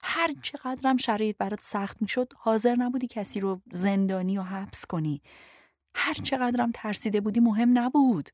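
A woman's voice: fairly high pitch, darkish tone, no room sound, studio quality, close to an everyday voice. A woman reading a blunt, protective man. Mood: earnest. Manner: blunt, frank and insistent. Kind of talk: audiobook dialogue reading.

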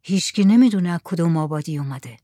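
A woman's voice: lowish voice, animated, mellow, no room sound, clean studio sound. A woman voicing a village man who repeats and passes on what others say, in a story reading. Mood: plain.

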